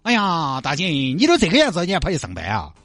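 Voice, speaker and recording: A man's voice: fairly high pitch, wildly swooping pitch, quick pace, a bit bright, dry recording, soft background music, exaggerated voice. A man voicing a kindly, fussing middle-aged bus driver with a Sichuanese accent who coaxes and chatters. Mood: persuading.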